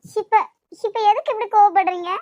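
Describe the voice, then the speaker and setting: A woman's voice: extremely high pitch, brisk, warm tone, dry recording, dull audio. A woman with a Kanyakumari Tamil accent voicing a hurt young heroine who complains and pleads. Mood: upset. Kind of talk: cartoon voice acting.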